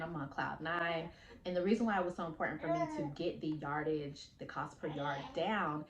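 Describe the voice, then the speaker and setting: A woman fashion designer talking casually to her vlog audience, explaining her business in a chatty way with frequent fillers. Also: low-pitched. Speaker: independent fashion designer and vlogger. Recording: echoey room.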